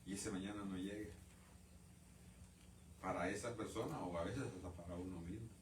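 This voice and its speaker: A man preaching a sermon in a church, calling his listeners brothers and swinging from loud outbursts to quiet asides. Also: sits low, fairly even intonation, normal speed, recorded from a distance, noisy background. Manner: addresses the congregation as brothers. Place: church sanctuary. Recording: roomy church sound from off-mic.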